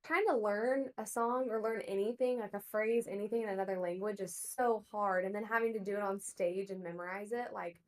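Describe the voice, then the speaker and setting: A woman's voice: mid-range voice, steady tone, a little fast, few pauses, darkish tone. A woman with a Southern US accent joins the recap as a former contestant. She speaks in an easygoing, casual way. Her voice sits in a middle range, and she laughs lightly between her thoughts.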